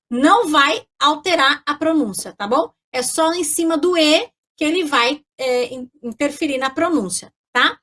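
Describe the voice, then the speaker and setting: A woman with a high voice teaches a casual French lesson. She talks in a friendly, chatty way and checks in with her listeners after almost every phrase. She slows down to spell and pronounce French words. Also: sharp tone. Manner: chatty, checks in constantly with tag questions.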